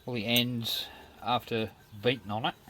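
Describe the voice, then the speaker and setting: A man's voice: mid-range voice, little pitch movement, normal speed. A man giving casual, matter-of-fact, step-by-step narration of hands-on metalwork. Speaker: DIY metalworking presenter. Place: home metal workshop. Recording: clear machinery noise in workshop. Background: saw running, clicks and machine noise.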